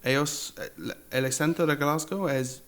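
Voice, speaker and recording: A man from England whose first language is English, speaking with an English accent as an interview guest, halting and slipping English words into his talk. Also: a little high, fairly bright tone. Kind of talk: casual interview chat.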